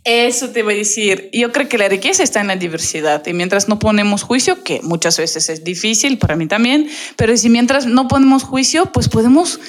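A young adult woman whose first language is Russian, a podcast guest talking in a lively, reflective way and laughing often. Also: a little high, brisk, hardly any pauses. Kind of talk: casual podcast conversation.

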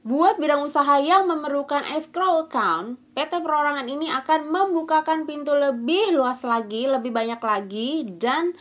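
A woman's voice: high-pitched, moderate pace, few pauses, fairly bright tone. A woman teaching an online business course in a chatty, slangy, teasing way. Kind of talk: casual educational talk.

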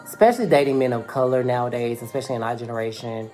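Rapid-fire and mellow, this young American podcast host speaks in a mid-range voice that sounds naturally feminine. He's candid and slangy in casual podcast chat, with faint music in the background.

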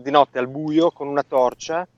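A man's voice: a little high, fairly even intonation, normal speed, lo-fi sound. A man on a podcast panel in casual chat, opinionated and jokey, joining remotely from outdoors. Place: outdoors in woods at night, walking.

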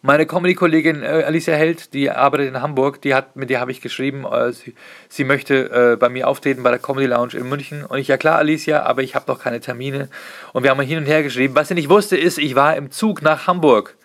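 A man, a comedian, telling a casual comic anecdote in an animated way, swearing freely and acting out bits of dialogue. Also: mid-range voice, fast talker.

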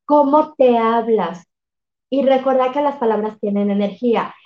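High-voiced woman in an echoey room. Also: moderate pace. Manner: reflective, emphatic, often affirms with "exactly". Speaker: workshop facilitator and coach. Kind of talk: casual conversation. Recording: roomy, dull lo-fi sound.

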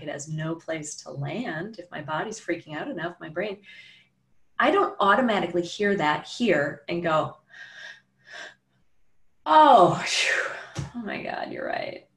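A woman guest on a podcast, explaining her healing practice in an animated way and acting out the voices she quotes. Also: lowish voice, roomy sound.

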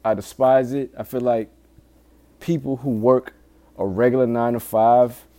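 A man with a low-set, dark, mellow voice records a candid solo podcast. His talk is informal and full of swearing, with an earnest, pleading urgency as he warns his listeners. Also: steady tone, normal speed. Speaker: podcast host.

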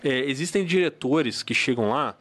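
A man hosting a podcast, chatting casually and retelling anecdotes with energy. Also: medium pitch. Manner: fast, animated retelling of anecdotes. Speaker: podcast host.

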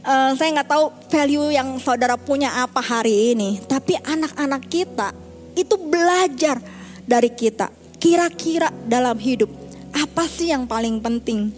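A woman's voice: high-pitched, moderate pace, faint music behind. A middle-aged woman pastor giving a sermon in a candid, conversational way, mixing in English phrases.

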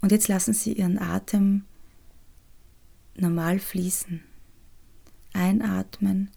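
A woman guides a meditation in a soft, soothing half-whisper, pausing often. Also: mid-range voice, steady tone, vocal fry, slightly rough. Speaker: podcast host and resilience trainer guiding a meditation.

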